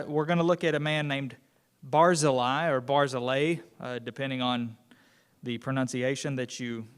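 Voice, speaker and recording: A man with a medium-pitched, fairly bright and clean voice teaches an unscripted Bible class. He talks conversationally, often restarting sentences and using many fillers.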